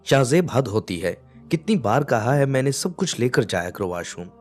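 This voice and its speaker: A man's voice: mid-range voice, big pitch swings, moderate pace, faint music behind, pitched above the performer's own voice, close to an everyday voice. A man voicing a cheeky, bossy young bride who teases her husband. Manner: bossy, teasing.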